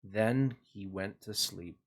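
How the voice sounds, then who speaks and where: Here a man's husky, fairly low voice carries a picture-book narration for kids at a read-along he's hosting. His delivery is expressive, with a deliberate sing-song lilt.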